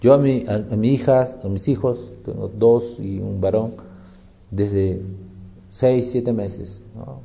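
A man's voice: fairly low pitch, fairly even intonation, slow pace, gravelly, mellow. A man preaching a sermon, emphatic, firing rhetorical questions and answering them himself.

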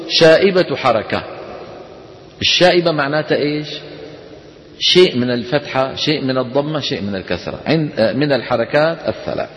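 Levantine man teaching in an echoing hall. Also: on the high side. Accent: Levantine Arabic. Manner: asks the class questions and answers them himself; demonstrates letter sounds aloud for students to repeat. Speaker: Quran recitation teacher. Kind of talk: classroom lecture.

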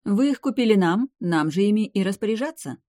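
A reader voicing a proud, sharp-tongued young female vampiress in an audiobook, answering back with quick indignant retorts. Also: mid-range voice, expressive, no echo, studio quality, voice pushed up, lightly acted. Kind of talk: audiobook character voice.

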